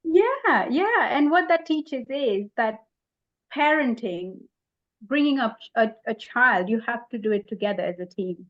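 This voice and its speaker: A woman co-hosting a podcast, playful and agreeable, chiming in with quick comments. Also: a little high, lively intonation, dull audio. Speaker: podcast co-host. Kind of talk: podcast conversation.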